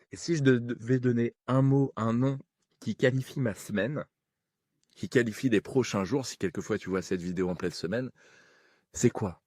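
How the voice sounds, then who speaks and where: Low-voiced man coaching through self-hypnosis. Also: darkish tone, dry recording, clean studio sound. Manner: directive, encouraging, addresses listener informally. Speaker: hypnosis coach and video host. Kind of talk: instructional talk with guided hypnosis exercise.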